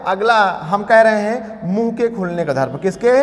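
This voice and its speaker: High-pitched man teaching Hindi grammar. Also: lively intonation, normal speed, long reverb tail. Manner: asks questions and answers them himself, repeating key terms. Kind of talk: classroom lecture.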